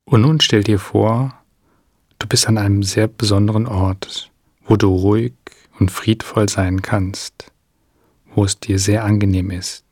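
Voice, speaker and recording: A man guides a meditation in a soft, slightly husky voice on the low side, speaking in a calm, soothing, measured way with long pauses. The studio-quality recording has no room sound.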